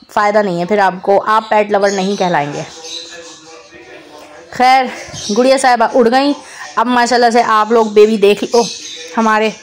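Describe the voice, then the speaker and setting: A chatty woman talks over her home vlog footage as a mother. Her voice sits a little high, and she repeats herself in a fond, teasing way. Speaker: vlogger, mother. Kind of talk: casual voice-over narration.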